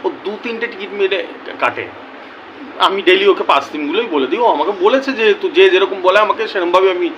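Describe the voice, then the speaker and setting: A young man telling viewers a story in a casual, animated way, acting out both sides of a conversation. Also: high voice, brisk, lo-fi sound, slight background noise. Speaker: lottery tips YouTuber.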